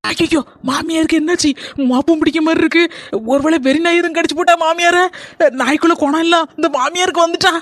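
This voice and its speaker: Woman voicing a cunning cartoon daughter-in-law, high quick voice, sweet-talking and sarcastic. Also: steady tone, no echo, studio quality. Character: cunning young daughter-in-law, witty, scheming. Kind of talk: cartoon comedy voice acting.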